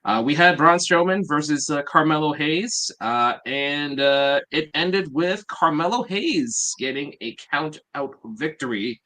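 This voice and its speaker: A man's voice: on the high side, expressive, unhurried, few pauses, bright, forceful tone. A man hosting a podcast, recapping events in a rambling, casual way full of "uh"s. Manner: rambling, filler-heavy, many "uh"s. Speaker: podcast host.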